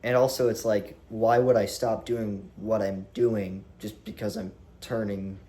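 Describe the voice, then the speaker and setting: A young man around twenty vlogging to a camera on a tripod, animated and rambling, with swearing and restarts. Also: fairly low pitch, measured pace. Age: young adult. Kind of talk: casual talk to camera.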